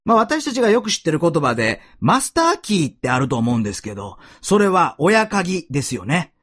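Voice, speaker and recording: A man preaching a sermon in an earnest voice that slows down for emphasis. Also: a little high, big pitch swings, a bit bright, husky. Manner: earnest, slow emphatic delivery. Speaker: pastor.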